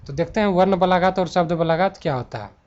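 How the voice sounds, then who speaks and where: Male grammar teacher, high voice, slow drawn-out stress, asks and answers his own questions, dull recording. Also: darkish tone. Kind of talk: classroom-style lesson.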